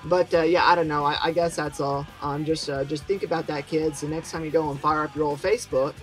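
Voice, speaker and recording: A man's voice: on the high side, steady tone, brisk, fairly bright tone, soft background music, low-quality recording. A man in his thirties rambling reflectively to a camera in a vlog monologue. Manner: reflective, musing. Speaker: vlogger. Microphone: camera mic.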